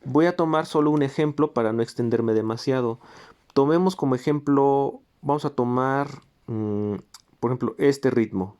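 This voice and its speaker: A man gives a music theory lesson in a steady, explanatory way. He points to examples as he goes and sings short rhythm syllables to show the accents. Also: mid-range voice, normal speed. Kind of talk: recorded lecture.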